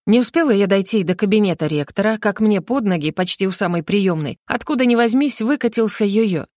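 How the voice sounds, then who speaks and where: A woman narrating a first-person fantasy audiobook in an even, expressive reading. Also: medium pitch, brisk, dry recording, studio quality.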